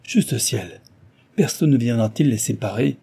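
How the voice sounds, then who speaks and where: A man's voice: mid-range voice, expressive, measured pace, gravelly, warm tone, breathy edge, full character voice. A man voicing a frightened young heiress who cries out in alarm and pleads for help.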